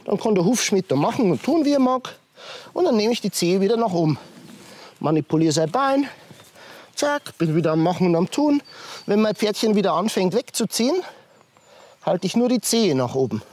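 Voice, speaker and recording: A man, a horse trainer demonstrating hoof handling step by step, softly praising the horse between explanations. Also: sits high, expressive, normal speed, long pauses. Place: outdoors with a horse.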